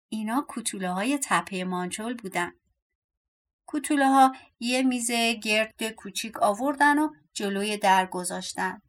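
A woman narrating a fairy tale audiobook with a steady, expressive reading. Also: a little high. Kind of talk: storybook narration.

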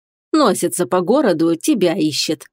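A woman's voice: fairly low pitch, big pitch swings, normal speed, darkish tone, no room sound, studio quality. A woman doing a meddling old mother. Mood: sly. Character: older mother, meddling, sly and bossy.

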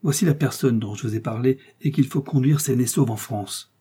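A man's voice: mid-range voice, fairly quick, warm tone, breathy edge. Man reading as a grave young officer. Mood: solemn, resolute.

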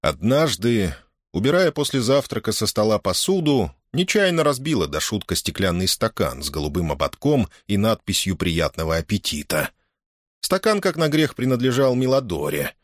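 A man narrating an audiobook with expressive storytelling. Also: lowish voice, dry recording, studio quality. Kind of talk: audiobook reading.

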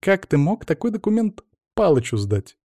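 A man's voice: high-pitched, big pitch swings, normal speed, warm tone, no room sound, studio quality, voice pushed up. Man doing a laughing mocking young woman. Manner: squeezing words out through laughter.

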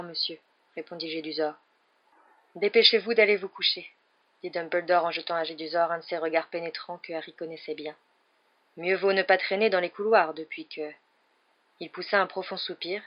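A woman reading a chapter of a novel aloud in a steady, even storytelling voice. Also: lowish voice, dull audio. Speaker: audiobook reader.

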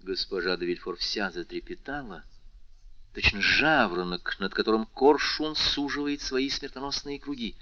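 Male audiobook narrator, low pitch, bright tense tone, dull dry recording. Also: moderate pace, no room sound. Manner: expressive literary reading. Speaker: audiobook reader. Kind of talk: scripted narration.

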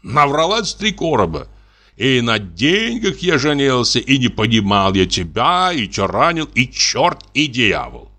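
A man's voice: mid-range voice, very animated, measured pace, bright, forceful tone, voice pushed up, exaggerated voice. A man voicing a wronged middle-aged husband, a notary who speaks in a formal, wounded, pompous way. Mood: mocking bitter. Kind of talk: audiobook character reading.

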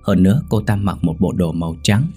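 A man narrating a ghost story in a measured, suspenseful manner. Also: low-pitched, expressive, mellow, slightly rough, faint music behind. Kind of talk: scripted horror story narration.

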